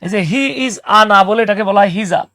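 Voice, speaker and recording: A young man teaching spoken English in an online class, lively and teasing, explaining patiently with examples. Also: high voice, fairly quick, dry recording, clean studio sound.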